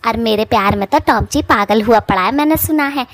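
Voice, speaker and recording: A woman's voice: a little high, fairly quick, no room sound, natural voice. A woman doing a brash bald cartoon witch. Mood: dreamy boasting. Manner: mouthy village taunting speech, whiny when scared. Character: brash, boastful bald female witch, quarrelsome. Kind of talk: cartoon voice acting.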